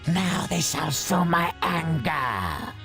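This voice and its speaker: An actor voicing a wrathful evil god in a video game, an unearthly ghostly voice that speaks with slow, commanding contempt. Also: mid-range voice, very animated, gravelly, heavily acted. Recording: music over the voice.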